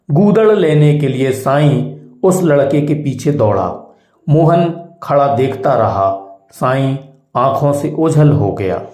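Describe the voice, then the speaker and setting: Male storyteller, slow deliberate pacing, echoey room. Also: medium pitch, darkish tone. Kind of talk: storybook narration.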